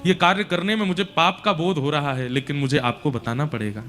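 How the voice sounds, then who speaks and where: A man playing a hushed, reverent elder messenger. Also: fairly high pitch, fairly quick, faint music behind, pitched below the performer's own voice, natural voice. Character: humble male elder messenger, hesitant and reverent.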